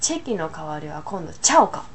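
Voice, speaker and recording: A woman's voice: deep voice, sing-song, fairly quick, slight background noise. A woman co-hosting a casual talk, giving blunt, dry reactions to her partner's jokes. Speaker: co-host. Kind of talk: casual banter.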